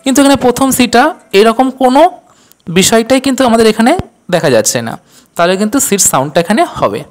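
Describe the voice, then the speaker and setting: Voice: medium pitch, expressive, fast. A teacher explaining English pronunciation rules, who speaks patiently and spells words out letter by letter.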